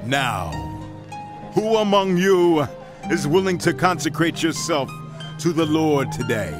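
Devout king for scripture audio drama: fervent, unhurried, fairly high voice over prominent music. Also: animated. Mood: solemn, earnest. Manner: solemn, fervent, deliberate declaiming. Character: King David, devout male ruler addressing his people and God.

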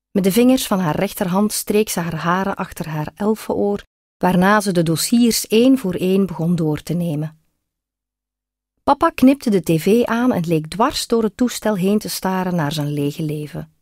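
A woman reading a first-person story aloud in a measured, reflective way. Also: medium pitch, a little mellow, no room sound, studio quality. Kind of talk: audiobook reading.

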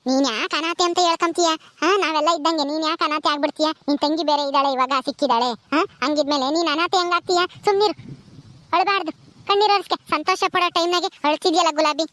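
A woman's voice: high-pitched, steady tone, quick pace, a bit bright. A woman playing a kind, motherly lady of the house who reassures and coaxes in a home comedy skit. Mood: soothing. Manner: reassuring, coaxing.

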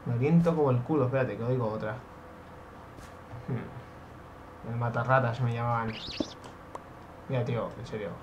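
A young man from Spain with a Spanish accent, giving excitable Minecraft let's play commentary, swearing and shouting when startled. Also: medium pitch, moderate pace, long pauses, muffled recording, slight background noise. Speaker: gaming youtuber.

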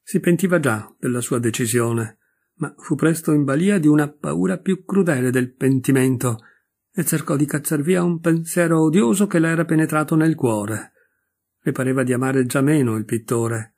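Husky-voiced man reading a classic novel. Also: fairly high pitch. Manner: measured, expressive reading. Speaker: audiobook reader. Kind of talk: scripted literary narration.

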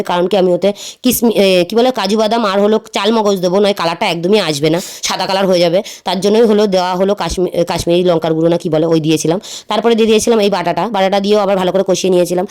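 A young woman vlogger doing a cooking voice-over, talking loudly and very fast in long single breaths. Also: mid-range voice.

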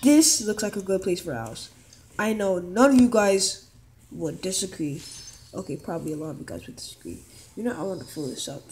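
Woman, casual gameplay commentary, excitable, rambling, lively pitch. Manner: excitable and rambling, with quick exclamations. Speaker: gameplay video host.

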